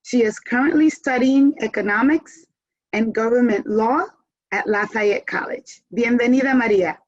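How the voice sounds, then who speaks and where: A woman's voice: fairly high pitch, moderate pace, no room sound, dull audio. A woman moderating a panel, thanking a speaker and introducing the next one, with Spanish phrases mixed into her talk.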